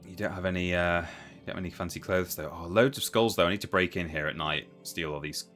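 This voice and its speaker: A man's voice: deep voice, fairly even intonation, quick pace, fairly bright tone, faint music behind. A man giving casual game commentary on a live stream, rambling and thinking aloud.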